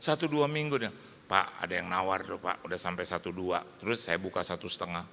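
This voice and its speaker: Man, pastor, sermon storytelling, bright tense voice, reverberant hall, faint background hum. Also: low-pitched, fairly quick, vocal fry. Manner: animated storyteller, acts out dialogue, loud shouted prayers.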